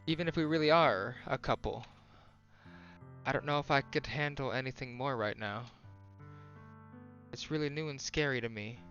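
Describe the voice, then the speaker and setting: A man voicing a shy, anxious teenage girl in love, speaking softly and haltingly. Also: mid-range voice, muffled recording, soft background music, natural voice. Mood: hesitant. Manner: soft, hesitant, halting.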